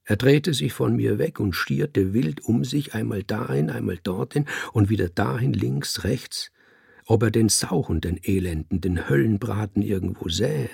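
A man narrating a storybook in the first person, calm and measured. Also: on the low side, gravelly, breathy edge, no room sound, studio quality. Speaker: audiobook narrator.

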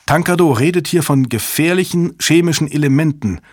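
A man's voice: fairly high pitch, a little fast, dry recording, clean studio sound, voice pushed up, lightly acted. A man voicing an impulsive male academic who eagerly explains in an audiobook reading.

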